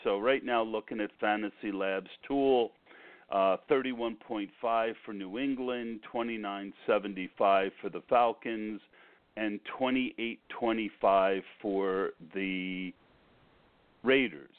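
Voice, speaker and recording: A man's voice: fairly low pitch, slow pace, dry recording. Under-the-weather man on a tinny phone line. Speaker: podcast host. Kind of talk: casual fantasy football commentary.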